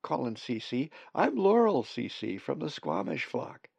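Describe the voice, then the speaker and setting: A man's voice: mid-range voice, huge pitch swings, unhurried, gravelly, a little mellow, no room sound, full character voice. A man voicing a friendly, welcoming female raven. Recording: dull dry lo-fi recording.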